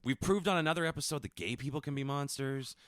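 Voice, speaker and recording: A man co-hosting a comedy podcast, teasing his partner in a deadpan way. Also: medium pitch, fast talker, dry recording, studio quality. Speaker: podcast co-host. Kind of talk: casual comedy chat.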